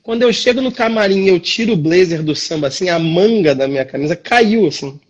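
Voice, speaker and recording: A Brazilian man with a husky voice that sits high for a man tells a story in casual live-stream chat. He talks fast and acts out each line of the dialogue with lively animation. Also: lo-fi sound. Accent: Brazilian Portuguese. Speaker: dance teacher. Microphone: phone or computer on a live video stream.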